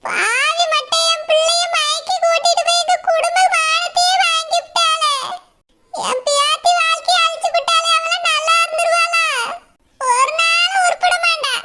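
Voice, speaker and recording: A woman's voice: very high-pitched, steady tone, moderate pace. A woman with a Kanyakumari Tamil accent, playing an older village woman who scornfully accuses and curses the other family. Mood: cursing. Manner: scornful, accusing, shouting in a street quarrel. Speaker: angry mother of the groom's side. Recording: loud background noise.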